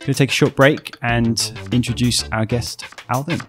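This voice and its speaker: A man's voice: medium pitch, fairly even intonation, normal speed, over music. A man hosting a casual podcast chat, hesitant with many fillers. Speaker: podcast host.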